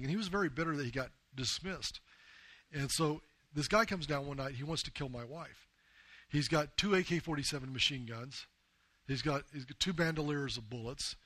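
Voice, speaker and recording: A man's voice: mid-range voice, a bit bright, dry recording. Earnest man preaching a sermon. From United States. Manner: earnest, emphatic, conversational with frequent fillers. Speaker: pastor and missionary leader. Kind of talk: sermon with personal storytelling.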